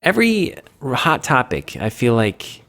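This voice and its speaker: A man's voice: mid-range voice, wildly swooping pitch, measured pace, fairly bright tone. A man with a cold hosting a casual gaming chat, rambling and poking fun at himself as he loses his train of thought. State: sick with a cold. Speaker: gaming show host.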